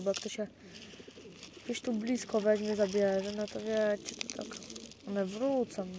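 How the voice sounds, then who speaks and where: A man keeping pigeons, talking casually to his viewers outdoors by the loft in a rambling way with many fillers and restarts. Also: sits high. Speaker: pigeon keeper. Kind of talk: casual vlog narration to viewers. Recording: outdoor noise with cooing pigeons. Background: pigeons cooing.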